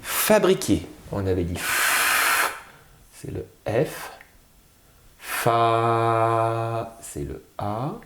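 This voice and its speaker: A man with a lowish voice walks learners through a spelling lesson at a slow, deliberate pace. He stretches out words and sounds out each syllable one by one. The room around him is echoey. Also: big pitch swings. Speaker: teacher.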